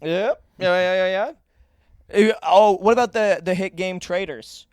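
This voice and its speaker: A young man in casual comedy banter, his voice sitting a little high and close. He tosses out jokes and quick asides in a loose, chatty way. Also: clear, resonant tone, no room sound. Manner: riffing, quick jokey asides with laughs. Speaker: podcast co-host.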